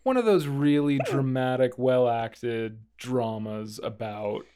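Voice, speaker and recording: A man's voice: mid-range voice, slow, dark tone, clean tone. A man co-hosting a casual podcast, talking in a loose, rambling way and laughing often. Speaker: podcast co-host. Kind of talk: casual chat.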